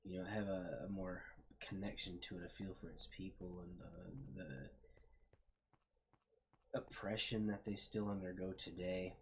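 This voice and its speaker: This let's-play comes from a young man with a low, steady voice and an unhurried pace, though the audio is poor with a bit of hiss or hum. Reading text aloud as he explores, he muses thoughtfully and lets sentences trail into fillers.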